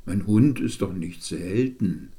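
A man's voice: deep voice, expressive, slow, dark tone, husky, exaggerated voice. A man voicing a boastful, know-it-all older brother in a bedtime story reading. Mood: explaining.

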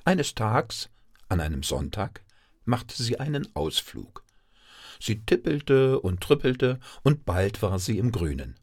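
A man reading a bedtime story aloud in an expressive, playful way. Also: on the low side, takes it slowly, slightly rough, no echo, studio quality.

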